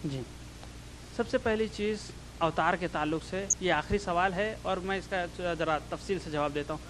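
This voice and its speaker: A man's voice: high-pitched, moderate pace, a bit bright, slight background noise, poor audio. A man giving a public religious talk and answering audience questions, explaining earnestly and rising in emphasis.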